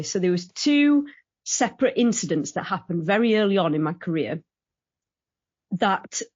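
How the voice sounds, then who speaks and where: A British woman, the founder and CEO, appears as a podcast guest, chatting casually in an interview and telling stories in a friendly way, laughing easily. Her voice is medium in pitch, and the recording is dry with a lo-fi sound.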